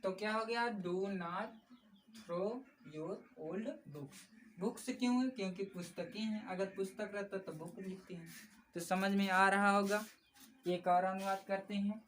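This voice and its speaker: A woman's voice: medium pitch, steady tone, moderate pace. Woman teacher explaining grammar step by step, repeats herself patiently, recorded a little off-mic with faint room noise. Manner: patient, repeats key points, addresses viewers as friends. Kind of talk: explanatory classroom lesson. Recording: slightly distant mic with faint background noise.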